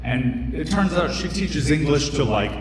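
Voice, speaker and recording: This young American storyteller has a fairly high, animated voice and takes his time as he jokes and chats his way through a story at a live event, with plenty of fillers and asides. He's on stage in a hall, captured from afar with echo and an audible crowd.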